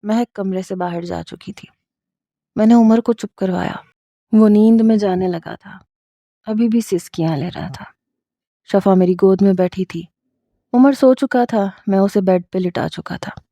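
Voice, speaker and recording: Mellow-voiced woman storyteller. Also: mid-range voice, no room sound, lo-fi sound. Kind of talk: scripted romance story narration.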